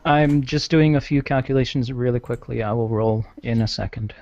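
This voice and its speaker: A man's voice: medium pitch, normal speed, darkish tone, dry recording, dull audio. A man chatting casually as a player in a tabletop role-playing game.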